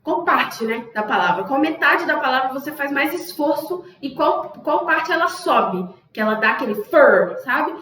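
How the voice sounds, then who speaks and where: A woman's voice: high voice, expressive, normal speed, few pauses, pushed and bright, reverberant, far from the mic, low-quality recording. A young woman teaching an English lesson, explaining a rule patiently and saying example words again and again with exaggerated stress. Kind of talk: online language lesson.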